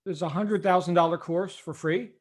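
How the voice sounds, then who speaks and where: Higher-pitched man hosting a group call. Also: fairly even intonation, normal speed. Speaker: host and coach of group call. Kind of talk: casual group coaching call.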